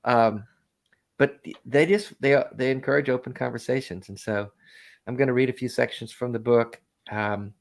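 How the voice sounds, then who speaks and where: Guy hosting a call-in show, chatty and animated, laughs a lot, regular pitch. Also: moderate pace, gravelly. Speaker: host. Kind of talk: casual chat.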